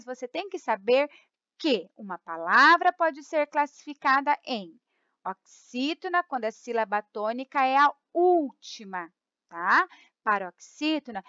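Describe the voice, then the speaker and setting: A woman teacher with a Brazilian accent giving a grammar lesson, explaining slowly, repeating the rules, stretching key words and often checking in with her students. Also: high voice, bright, forceful tone, no room sound, lo-fi sound. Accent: Brazilian Portuguese. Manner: keeps checking in with "tá?" and "ó". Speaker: Portuguese teacher.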